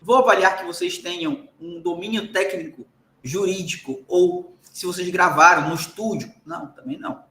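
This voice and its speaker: A man's voice: high voice, moderate pace, bright, forceful tone, echoey room. A man with a Brazilian Portuguese accent giving a recorded lecture to law students, emphatic and often checking in with the class.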